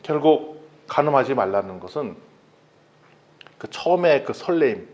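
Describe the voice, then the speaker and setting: A man's voice: medium pitch, normal speed, lo-fi sound. A man preaching a sermon as pastor, telling stories and acting out quoted dialogue. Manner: lively storytelling, acts out quoted dialogue.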